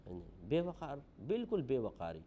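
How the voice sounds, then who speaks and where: Male preacher, dark mellow tone, earnest moral lecture, faint hiss behind. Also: huge pitch swings, dull audio. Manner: earnest, moralizing, rises for emphasis then drops low. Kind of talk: religious lecture.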